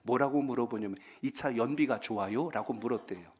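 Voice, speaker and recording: Husky-voiced man preaching a sermon. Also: medium pitch, brisk. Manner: preaching warmly, calling for amens, telling folksy jokes. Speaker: pastor. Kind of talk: sermon at a Friday prayer meeting. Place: church sanctuary.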